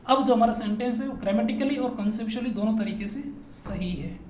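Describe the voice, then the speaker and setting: A man's voice: high voice, a little fast, darkish tone. Echoey male teacher drilling students playfully. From Rajasthan, India. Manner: drills students, asks and answers his own questions; playful, repetitive. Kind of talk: classroom grammar lesson. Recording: echoey room with faint noise.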